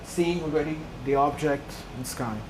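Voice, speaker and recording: In a deep voice at a moderate pace, an earnest woman from Peru gives a public slide lecture as a guest speaker. English is her second language, and a hum runs through the noisy room.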